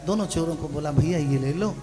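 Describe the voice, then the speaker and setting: A male preacher telling a parable in a sermon, switching between quiet storytelling and loud shouted lines. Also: fairly high pitch, brisk, over music. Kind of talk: sermon storytelling with acted dialogue.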